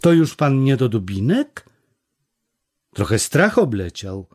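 A scornful, sharp-tongued young village woman from a storybook, mocking and scolding, pitched well above the man who reads her and spoken slowly. She sounds proud and quick to take offence, her voice lifted and biting. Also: sing-song. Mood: scheming.

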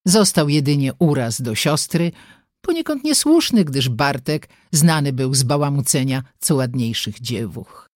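An audiobook narrator reading a novel in a dramatic, expressive way, with pitch that swings widely across phrases. The recording is dry and close, with no trace of a room. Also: measured pace, no echo. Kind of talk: scripted narration.

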